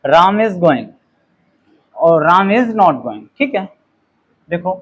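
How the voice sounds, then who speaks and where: In this rough recording, a man with a high, fairly bright voice teaches grammar at a slow pace. He reads each example sentence very clearly and follows every point with a checking "okay."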